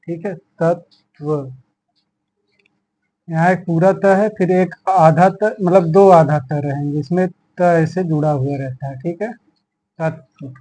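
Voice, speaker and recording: Slow, higher-voiced male Hindi teacher. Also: fairly even intonation, warm tone, low-quality recording. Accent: Hindi, Uttar Pradesh. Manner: slow, explaining words one by one with repeated "theek hai". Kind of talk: exam-prep lesson.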